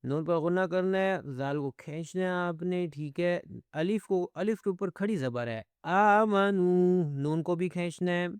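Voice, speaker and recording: A man teaching Quran recitation step by step, explaining each letter and then chanting verses slowly. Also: on the high side, a little mellow, clean tone, no room sound, studio quality.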